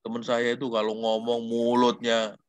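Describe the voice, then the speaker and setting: A man's voice: mid-range voice, completely flat delivery, normal speed, smooth, dry recording, natural voice. A man voicing an aggrieved young male university student complaining about a friend's hurtful words.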